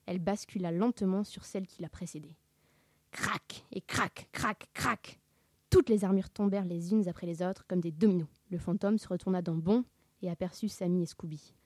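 A woman reading a children's book aloud, expressive and dramatic, sometimes dropping to a hush. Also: on the low side, brisk, dry recording, studio quality. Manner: expressive, dramatic narration with hushed whispers. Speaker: reader.

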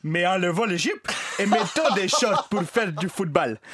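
A man's voice: high voice, very animated, moderate pace, heavy background noise. A man reading a jokey sports chronicle in a chatty way, scattered with little fillers.

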